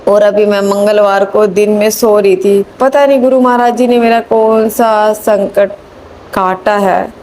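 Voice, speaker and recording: Brief: middle-aged woman devotee, earnest testimony, mellow tone, faint hum behind. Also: medium pitch, steady tone, a little slow. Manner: earnest, pleading prayer, chanting.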